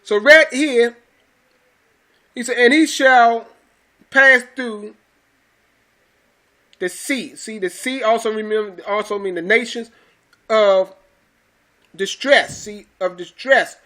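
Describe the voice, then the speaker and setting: This religious teacher has a high, bright voice that sounds pushed. He preaches scripture to his followers with emphasis, repeating phrases and addressing them as brothers and sisters.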